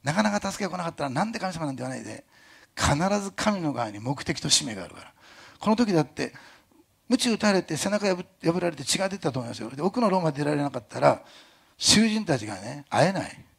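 A male pastor preaching a sermon in a lively conversational way, with jokey asides and a hint of a Kyushu dialect. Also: on the high side, fast talker, vocal fry, slightly rough. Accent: Kyushu dialect touches. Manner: animated, jokey asides, imitates other pastors.

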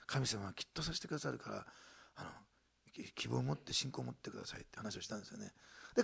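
Gravelly, animated male pastor preaching. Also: medium pitch. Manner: animated storytelling with emphatic stress and laughs. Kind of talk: sermon.

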